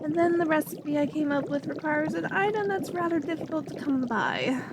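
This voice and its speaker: A woman with a high-pitched, animated voice speaks at a moderate pace over heavy background noise. In a scripted ASMR roleplay, she voices a young alchemist who chatters and rambles as she works, then turns clingy and obsessive.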